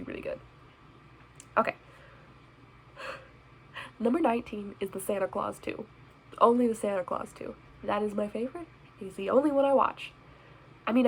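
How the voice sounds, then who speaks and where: In a movie-review vlog, a young woman chats in a bubbly, self-deprecating way, filmed indoors with a Christmas tree behind her. Her voice is mid-range, and the poor audio carries some hiss or hum.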